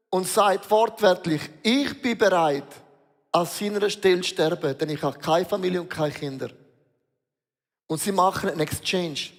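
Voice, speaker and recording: A man preaching a sermon as pastor, emphatic and storytelling, mixing in English words. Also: high voice. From Switzerland. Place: large church hall. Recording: long reverb of a large hall.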